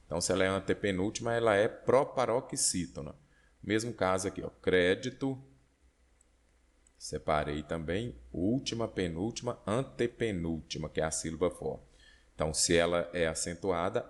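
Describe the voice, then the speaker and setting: Deep-voiced Brazilian man teaching grammar. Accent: Brazilian Portuguese. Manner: explanatory, checks in with "ok?" and "né?". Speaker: Portuguese exam tutor. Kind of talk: online exam-prep lesson.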